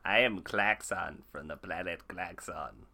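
A man voicing a pompous male alien, stranded after a crash, who talks in a loud, stiff, announcer-like way in improvised comedy. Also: low-pitched, measured pace, creaky, exaggerated voice. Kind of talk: improvised comedy role-play.

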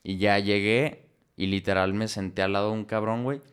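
A young man with a lowish, smooth and resonant voice, a guest on a casual podcast. He grew up in northern Mexico and tells his stories in a slangy, animated way, full of street talk. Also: brisk.

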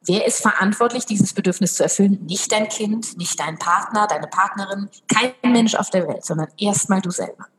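A woman in her thirties talking casually in a podcast conversation, lively and acting out her child's lines. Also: medium pitch, normal speed, hardly any pauses, slight background noise. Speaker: parenting guest.

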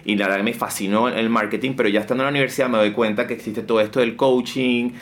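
Coach guest, man, brisk delivery, energetic and expressive. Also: medium pitch. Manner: energetic, emphatic, shifts his intonation on purpose. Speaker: business coach. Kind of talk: casual interview chat.

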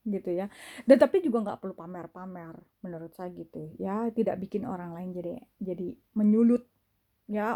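Woman, mellow tone, casual spiritual advice, chatty. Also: a little high. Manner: chatty, repeats filler tags, mixes in English words.

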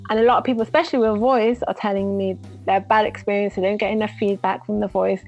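A woman with a non-native English accent, a guest talking about UX writing in a casual interview, animated and laughing often as she acts out little exchanges. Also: medium pitch, fast talker, muffled recording, soft background music.

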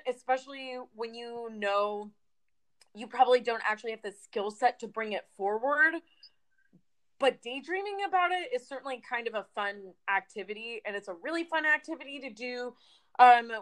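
A woman co-hosting a podcast, talking in a chatty, candid and playful way. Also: fairly high pitch. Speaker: podcast co-host. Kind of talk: casual podcast chat.

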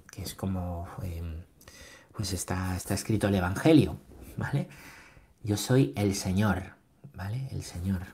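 A man's voice: fairly low pitch, a little mellow. Man from teaching catechism. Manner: repeats phrases, tags lines with "¿vale?" and "¿eh?"; reads passages aloud with rising emphasis.

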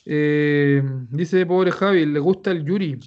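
A man with a Chilean accent, teaching Japanese and giving relaxed, joking feedback in an online class. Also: on the high side, takes it slowly, highs cut off. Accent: Chilean Spanish.

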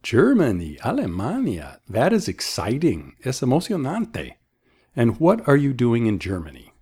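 A man's voice: medium pitch, wildly swooping pitch, takes it slowly, dark tone, slightly rough. A man hosting a bilingual English lesson, patiently modelling phrases and repeating them for practice. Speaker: English teacher and host.

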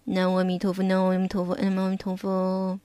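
A woman voicing a frail old man, really a disguised demon, who speaks slowly and mumbles. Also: on the high side, steady tone, no echo. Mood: murmuring. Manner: slow, mumbling and wheedling.

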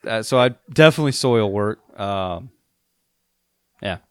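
A man's voice: on the low side, lively intonation, a little slow, dry recording, studio quality. Hesitant man in casual chat. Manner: hesitant, restarts often, laughs easily. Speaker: podcast co-host.

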